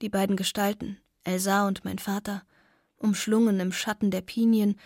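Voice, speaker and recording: A woman's voice: medium pitch, flat delivery, normal speed, darkish tone, no room sound, clean studio sound. A woman reading a novel aloud in first person, intimate and sometimes dropping to a near whisper. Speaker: audiobook narrator. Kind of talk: scripted first-person narration.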